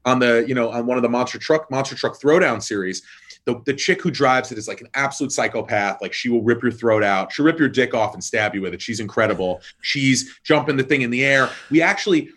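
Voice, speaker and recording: A man in his thirties talking casually in an interview about his wine brand work, swearing often, rambling with lots of likes and ums, and jumping up in pitch for emphasis. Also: fairly quick. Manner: animated, jumps up in pitch for emphasis.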